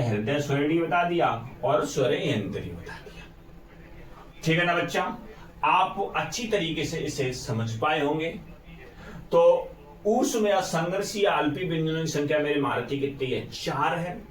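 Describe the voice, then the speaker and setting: A man's voice: fairly high pitch, unhurried. A male teacher giving an exam-prep lesson, asking his students questions and then answering them himself. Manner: call-and-response questioning. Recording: echoey room, far from mic.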